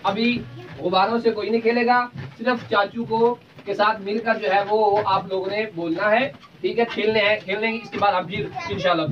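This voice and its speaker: A man's voice: high-pitched, steady tone, normal speed. A man leading a children's celebration, coaxing and cheering the kids on as he calls out chants for them to repeat. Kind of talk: call-and-response chanting with children. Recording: distant lo-fi mic with loud crowd noise. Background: loud chattering children.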